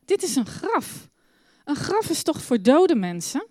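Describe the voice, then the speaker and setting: Woman doing a gentle shining angel, reassuring, slightly high voice, dry sound. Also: very animated, unhurried, no echo. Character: kind radiant male angel.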